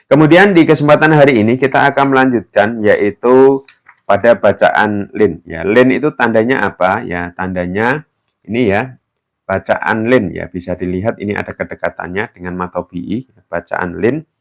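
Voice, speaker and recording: A man teaching Quran reading in an online lesson, patient, adding a filler "ya" after nearly every phrase. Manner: slow, patient, many filler "ya"s, chants examples in a higher voice. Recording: dull lo-fi recording.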